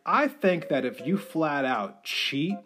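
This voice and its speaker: A man's voice: a little high, sing-song, slow, bright, forceful tone, faint music behind. A man co-hosting a podcast, ranting emphatically in casual chat. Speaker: podcast co-host.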